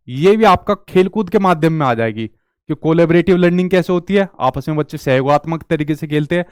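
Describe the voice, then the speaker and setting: A man's voice: high-pitched, clear, resonant tone, dry recording, clean studio sound. A young man teaching an online exam-prep class, asking the class questions and answering them himself.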